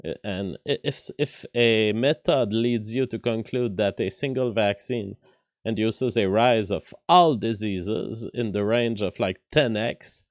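Weak-voiced man, low. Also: measured pace, no room sound, clean studio sound. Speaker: livestream host. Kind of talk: casual livestream commentary, reading viewer messages.

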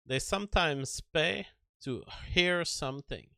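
A man hosting a solo livestream, giving opinionated commentary in a deliberate manner with rhetorical questions and repetition. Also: on the high side, creaky, bright, forceful tone, clean tone, no room sound, studio quality. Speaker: livestream host.

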